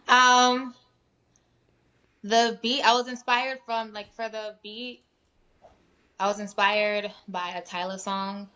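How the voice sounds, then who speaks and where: Speaking slowly and pausing often, a young New York woman with a mid-range voice chats casually as a guest musician in an interview. She's relaxed, with lots of "um" and "like," and sirens sometimes sound behind her.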